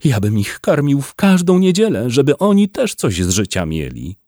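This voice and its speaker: A man voicing a poor, timid village man who pleads and cries in a high whine. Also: huge pitch swings, normal speed, a little mellow, no echo, studio quality. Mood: pleading. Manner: high whining voice, pleading and sobbing.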